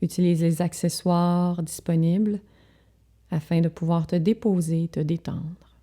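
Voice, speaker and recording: A woman with a somewhat low voice guides a relaxation session as a yoga instructor. She speaks calmly and soothingly, in short, measured phrases broken by pauses.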